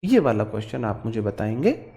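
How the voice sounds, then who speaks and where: A man with a Haryanvi accent teaching an online English grammar class, lively and teasing, acting out his students' questions. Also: lowish voice, fairly quick. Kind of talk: online exam-prep grammar lesson.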